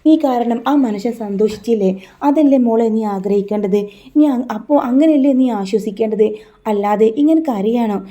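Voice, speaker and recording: Woman as caring older aunt, consoling, gently scolding, mellow dark voice. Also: fairly high pitch, moderate pace, lightly acted.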